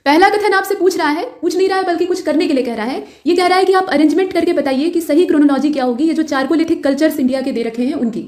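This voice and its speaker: Here a woman's high-sitting voice carries a darkish tone as she walks through exam questions in a quiz lesson. She explains and instructs, sprinkling in English terms and restating points in English and Hindi, all with a roomy echo around her.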